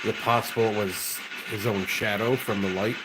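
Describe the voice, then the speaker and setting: A man's voice: on the low side, steady tone, normal speed. A man co-hosting a live ghost hunt, chatting casually with viewers and his fellow investigator. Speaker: paranormal investigator and livestream co-host. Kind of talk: casual livestream chat. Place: sanitarium basement. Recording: clear rasping spirit box static behind. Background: raspy static noise.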